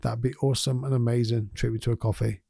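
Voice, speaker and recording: A man hosting a podcast, talking in an earnest, gentle and encouraging way about life's small moments. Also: medium pitch, flat delivery, quick pace, gravelly, breathy edge, no room sound, studio quality. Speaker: podcast host. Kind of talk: reflective motivational podcast talk.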